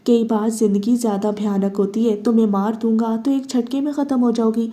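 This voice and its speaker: A woman voicing a cold, vengeful grown man who speaks in a measured, cruel way, in a novel reading. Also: on the high side, steady tone, mellow, natural voice. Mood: cold menace.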